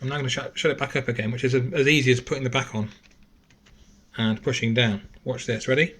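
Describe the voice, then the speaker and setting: A man talks through a gadget teardown in a relaxed, chatty way. He thinks out loud and corrects himself mid-sentence. His voice is caught by a camera microphone at a desk indoors. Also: mid-range voice, quick pace, slightly rough. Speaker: gadget reviewer. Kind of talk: casual teardown tutorial.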